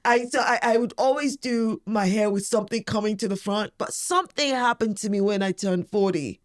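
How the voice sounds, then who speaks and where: A woman's voice: mid-range voice, brisk, darkish tone. A woman in her forties speaking as an interview guest, talking candidly in an emphatic, outspoken and forthright way. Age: 40s.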